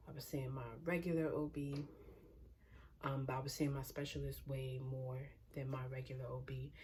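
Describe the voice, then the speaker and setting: A young woman with a low voice talks through a casual pregnancy vlog, rambling and a little breathless from the pregnancy. She sometimes sinks into a near whisper. A faint hiss sits under the recording. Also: a little mellow. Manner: chatty, rambling, laughs often, drops to a near whisper at times. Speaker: pregnancy vlogger.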